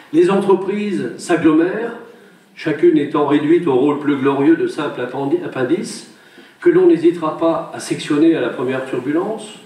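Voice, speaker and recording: Male orator for a ceremonial address, rhetorical and solemn, softer mellow tone, recorded at a distance from the mic. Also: a little high. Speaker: wine brotherhood orator. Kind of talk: formal prepared speech to an assembly. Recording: echoey room, distant microphone.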